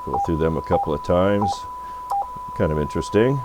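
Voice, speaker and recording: The recording is noisy, with an electrical hum, as a man at an electronics repair bench gives an unscripted radio repair demo. He thinks aloud in a low, expressive voice at a moderate pace.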